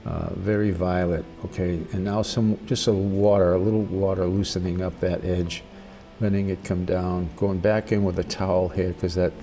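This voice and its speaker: Gentle, low-voiced older man teaching painting. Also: level tone. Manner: gentle, encouraging, unhurried instruction. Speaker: watercolor painting instructor. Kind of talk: casual spoken painting tutorial.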